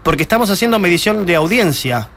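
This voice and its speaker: Male prankster, crisp bright tone, courteous survey-taker manner. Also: sits high, lively intonation, quick pace, slight background noise. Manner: formal, polite, persistent. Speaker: radio prank caller. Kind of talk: prank phone call posing as a pollster.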